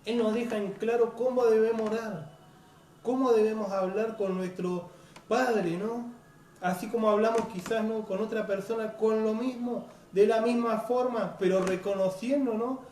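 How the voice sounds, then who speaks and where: A male preacher, giving an earnest, unhurried sermon that keeps asking "right?". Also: high voice, fairly even intonation, darkish tone. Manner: earnest, unhurried, frequent "right?" tag questions. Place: church hall. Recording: echoey hall, distant mic, faint noise.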